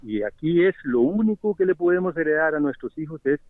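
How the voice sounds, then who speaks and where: A man's voice: fairly high pitch, lively intonation, no echo. Costa Rican man, organic farmer, reflective, heard on a thin dry phone call. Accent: Costa Rican Spanish. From Costa Rica. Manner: earnest, reflective, unhurried. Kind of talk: phone interview. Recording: dry tinny phone line.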